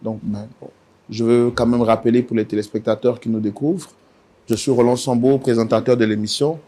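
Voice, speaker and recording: A male TV talk show host with a mid-low voice of ordinary pitch, speaking formally and steadily. He pauses with soft hesitations as he introduces guests on a studio set. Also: steady tone. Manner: formal, measured, with frequent "euh" pauses.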